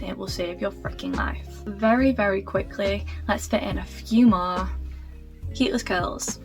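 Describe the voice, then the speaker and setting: Brief: young woman vlogger, chatty and gushing, faint music underneath. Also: medium pitch. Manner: gushing, fast and emphatic with casual swearing. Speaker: beauty vlogger. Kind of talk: chatty product-recommendation vlog.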